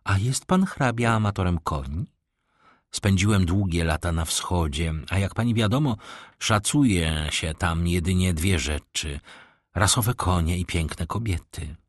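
A man voicing a calm, worldly count who speaks in a measured, courteous way, in an audiobook reading. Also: deep voice, dry recording, clean studio sound.

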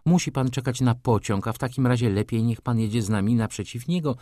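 A man voicing a young high-society lady who talks quickly and coaxingly in a raised voice. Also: dark tone, no echo, studio quality, natural voice. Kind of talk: audiobook character reading.

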